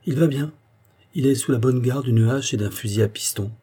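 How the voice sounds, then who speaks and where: A man reading the part of a shrewd, brisk male detective in an audiobook. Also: medium pitch, warm tone, breathy edge, natural voice. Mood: assured. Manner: brisk and assured.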